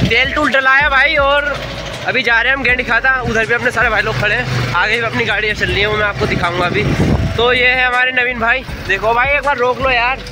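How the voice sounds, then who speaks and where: With an extremely high-pitched voice, a young adult man vlogs outdoors in a village and on a moving bike, holding his phone at arm's length. He chats casually to camera and teases his friends over a noisy background.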